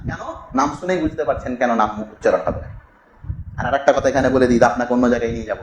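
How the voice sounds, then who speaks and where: Emphatic preacher with an echoing voice. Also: male voice, fast. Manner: rhetorical questions, emphatic swells in pitch and volume. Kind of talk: sermon-style history talk. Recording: echoey room, faint noise.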